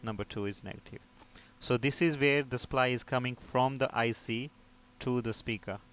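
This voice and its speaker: Medium in pitch, at normal speed and with a fairly bright tone, a repair technician instructor walks through an informal technical tutorial step by step. He often asks a question, then answers it, keeping things explanatory. The recording's background is clear.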